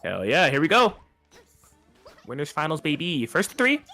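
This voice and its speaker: Male color commentator, slightly high and bright; casual, hyped delivery with lots of "dude" and "like.". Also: wildly swooping pitch, normal speed, faint music behind. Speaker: esports co-commentator. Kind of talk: fighting game color commentary.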